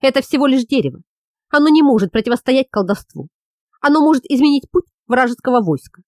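Woman reading as know-it-all mage guy, flat and dismissive, dry. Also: sits high, fairly quick, no room sound.

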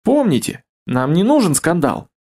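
A man's voice: on the high side, big pitch swings, normal speed, dark tone, pitched above the performer's own voice. A man voicing a timid, fretful fat servant who babbles and begs in an audiobook. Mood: pleading. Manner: pleading, babbling.

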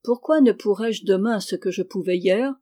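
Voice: medium pitch, moderate pace, mellow, lightly acted. A reader voicing a scheming medieval French king in an audiobook, protesting and wheedling, then turning curt. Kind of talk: audiobook character reading.

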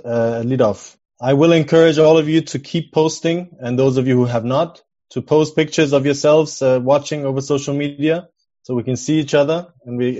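A man chairing an online meeting in a semi-formal, halting way, thanking and introducing speakers. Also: medium pitch, warm tone, dull audio. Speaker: session chair.

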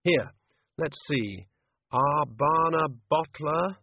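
A sharp, impatient young woman snaps out orders in a high, lifted voice, as a male reader puts her on. The sound is thin and tinny, like a phone line, dry and close. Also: animated, extremely slow, breathy edge, dry recording, heavily acted. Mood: commanding.

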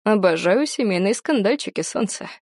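A woman voicing a brash, cocky young male soldier who talks in a low, teasing purr. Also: expressive, normal speed, a little mellow, no room sound, studio quality, natural voice.

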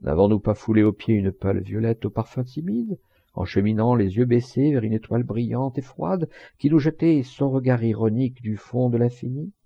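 A man narrating a literary audiobook in a measured, expressive reading with varied emphasis. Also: mid-range voice, vocal fry, breathy edge, no echo, dull audio.

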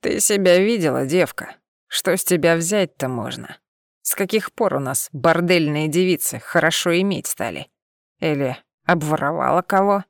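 A woman reading an audiobook, voicing a gruff, scornful cat-eared alien man in a lowered voice. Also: lively intonation, normal speed, no echo, studio quality.

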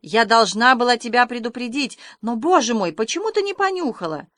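A woman voicing a stern but fair older spinster in an audiobook reading, brisk and scolding. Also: on the high side, expressive, a bit bright, no echo, clean studio sound, voice pushed up. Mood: alarmed scolding.

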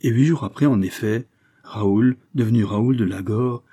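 Guy narrating an old novel audiobook, warm low voice, bit husky. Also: moderate pace. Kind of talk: scripted narration of a classic novel.

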